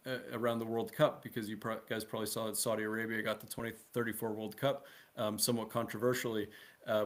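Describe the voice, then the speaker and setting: A man talks through his ideas in an earnest, persuasive way at a middling pitch. He keeps it conversational and often tags his points with a quick "right?". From United States. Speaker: guest promoting a political DAO. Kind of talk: casual discussion.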